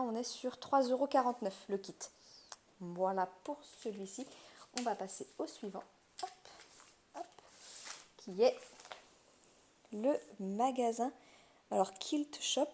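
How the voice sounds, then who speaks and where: A woman's voice: mid-range voice, darkish tone. A woman, chatting casually through a craft kit unboxing, chatty and self-deprecating and laughing often. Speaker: crafting vlogger.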